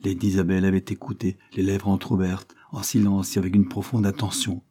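A man narrates a classic novel in a measured, dramatic storytelling manner. His voice sits low and sounds husky. The tone is dark and mellow. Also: little pitch movement. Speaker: audiobook narrator. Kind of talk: scripted narration.

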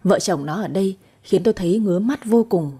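Young female storyteller, calm first-person narration; mellow, breathy timbre. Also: mid-range voice, brisk.

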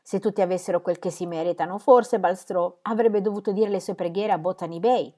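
A woman's voice: lowish voice, steady tone, fairly quick, warm tone, natural voice. A woman voicing a boastful, sarcastic male horse dealer who gossips with bluster.

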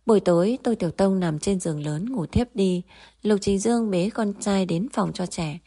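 Woman reading a story out loud, steady pace, warm dark tone. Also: medium pitch, normal speed. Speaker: audiobook narrator. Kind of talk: scripted narration.

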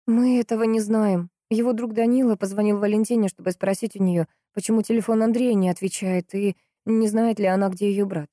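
A woman voicing an anxious young fiancée who speaks high and urgently. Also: steady tone, brisk, few pauses, warm tone, dry recording, clean studio sound, close to an everyday voice.

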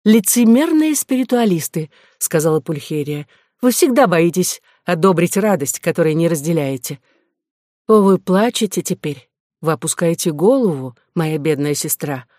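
Sharp and reproachful, this is a worldly courtesan sister who scolds and lectures, proud of a life spent on pleasure, as a reader puts her on. She speaks at a middle pitch with lifts of emphasis, in a dry, close recording with no room around the voice. The telling is that of a classic audiobook. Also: expressive, moderate pace, no echo, lightly acted. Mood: scolding. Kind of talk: audiobook reading.

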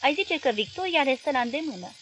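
An eager, jittery young man talks quickly about the news, as a woman narrator voices him. The voice is a little high, and a faint background hiss runs under the audiobook reading. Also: animated, fairly bright tone. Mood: excited. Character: excitable young man listening to the radio.

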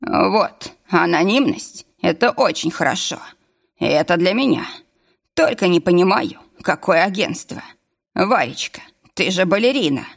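A woman voicing a weak, breathless older man lying in intensive care, talking slowly between sighs. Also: fairly low pitch, lively intonation, gravelly, full character voice. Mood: weary. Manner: slow, sighing, breathless delivery.

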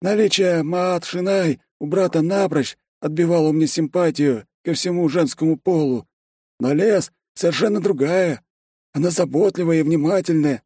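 A man's voice: on the high side, normal speed, a little mellow, husky, no room sound, clean studio sound, pitched above the performer's own voice. A man voicing a cheeky male half-pixie secretary in an audiobook, with a teasing, coaxing, nonchalant manner. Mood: dreamy. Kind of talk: audiobook character voice.

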